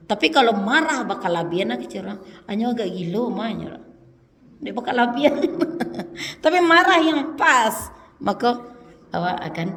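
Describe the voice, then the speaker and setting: A woman preacher, giving an animated sermon in a mosque, swinging between loud emphatic lines and low quiet asides. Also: gravelly. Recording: long hall reverb.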